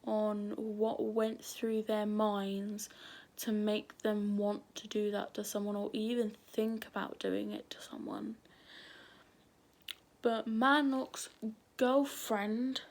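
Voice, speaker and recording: A woman's voice: medium pitch, level tone, takes it slowly, darkish tone. A woman telling a true crime story at home late at night, nervous and often dropping to a whisper. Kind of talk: casual true crime narration.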